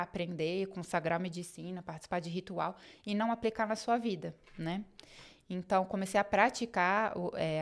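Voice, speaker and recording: A woman with a Brazilian Portuguese accent, telling a personal travel story in a chatty, rambling way. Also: fairly low pitch. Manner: chatty, rambling, acts out quoted conversations.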